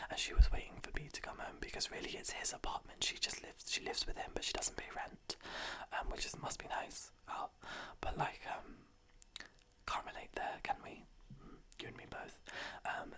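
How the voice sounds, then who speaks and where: Man whispering gossip in an ASMR role-play. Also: bright, forceful tone. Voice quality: breathy, mostly unvoiced whisper. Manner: gossipy, confiding storytelling in a whisper. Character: confiding best friend spilling workplace gossip. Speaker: ASMR performer playing a gossiping best friend.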